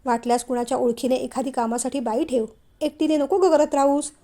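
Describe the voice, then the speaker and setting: A woman's voice: sits high, fairly quick. A woman voicing a middle-aged father who is caring at heart but scolds his grown sons in a storybook reading. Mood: gentle. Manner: calm, then scolding.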